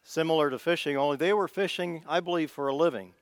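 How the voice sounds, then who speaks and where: A man's voice: a little high, fast talker, dry recording. Folksy Midwestern man preaching plainly. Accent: Midwestern American. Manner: folksy, conversational, thinking aloud with small restarts. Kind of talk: informal sermon.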